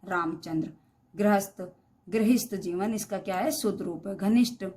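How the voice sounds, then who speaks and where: A woman teaches a class about Hindi spelling mistakes, her voice medium-pitched and darkish at a normal pace. Each word comes twice, the incorrect form followed by the correct one, and she tests the students with questions while addressing them as "beta."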